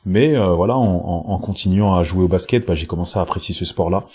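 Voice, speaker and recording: Speaking fast in a low-pitched, mellow, slightly rough voice, a man from Congo who plays professional basketball chats casually as a podcast guest in interview style. He hesitates, repeating himself and using lots of fillers, and records on his home podcast mic with headset.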